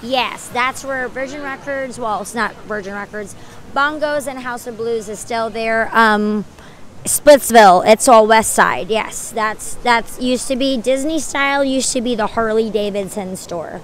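A young woman with a slightly high voice, chatting casually to her live-stream viewers. She is worn out and losing her voice, and she rambles from one topic to the next as she thanks people by name. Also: unhurried, slight background noise.

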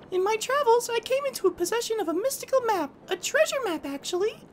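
A woman's voice: extremely high pitch, a little hiss or hum. A woman playing a sweet, politely insistent princess reading out her letter in a video game. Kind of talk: voiced-over game dialogue.

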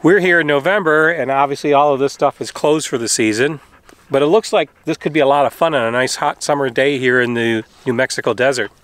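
A middle-aged man talks through his travel vlog in a relaxed, informative way, dropping in the odd filler. He is outdoors, holding the camera at arm's length, and his voice sits at a medium pitch. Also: fairly quick. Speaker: travel vlogger. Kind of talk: casual travel vlog chat. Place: outdoors by a desert lake and campground. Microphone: camera held at arm's length.

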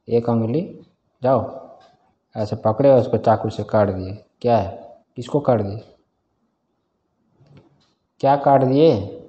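A man's voice: mid-range voice, muffled recording. A man teaching a scripture class in a casual way, often quizzing his students and chuckling. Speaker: Vedanta teacher.

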